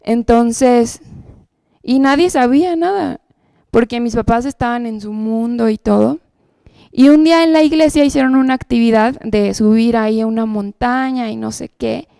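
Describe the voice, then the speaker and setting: Woman with a gravelly, fairly high voice. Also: normal speed, mellow, dry recording. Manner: earnest storytelling with frequent tag questions. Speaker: church speaker giving testimony. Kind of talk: personal testimony.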